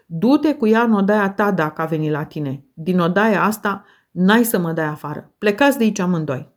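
A woman voicing a rough young man in an audiobook, furious and commanding in a near-hoarse voice. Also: on the low side, lively intonation, natural voice.

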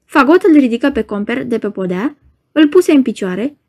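A woman reads a novel aloud in a measured, expressive narration. Her voice sits a little high, and she paces the story steadily as an audiobook reader.

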